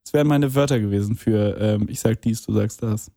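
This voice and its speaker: A man's voice: lowish voice, brisk, warm tone, no echo, clean studio sound. A man co-hosting a casual comedic podcast, laid-back and teasing, often answering briefly. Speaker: podcast co-host.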